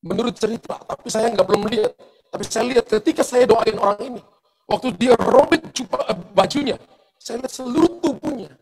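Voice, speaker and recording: A middle-aged male pastor preaching a sermon in church, telling a story with lively testimony and speaking straight to the congregation. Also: extremely high pitch, brisk, vocal fry, rough recording. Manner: animated storytelling testimony, addressing the congregation directly.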